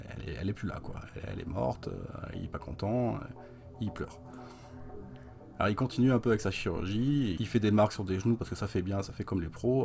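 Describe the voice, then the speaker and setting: A young man with a deep, gravelly voice walks through a horror film for a review. He talks in a chatty, wry way, full of fillers and little asides. His low voice has a rough texture. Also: background noise. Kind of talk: casual spoken film review.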